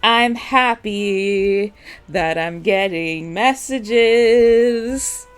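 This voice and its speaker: A woman's voice: mid-range voice, extremely slow, smooth, faint music behind. A woman improvising a worried, lonely car who rambles on about the races. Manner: rambling, anxious, slips into sing-song. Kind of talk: improv comedy scene.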